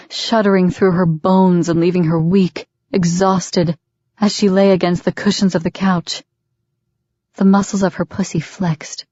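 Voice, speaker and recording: A woman narrates an audiobook in a steady, measured way, her voice sitting low. The sound is dull and lo-fi, close and dry with no room echo. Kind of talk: scripted narration.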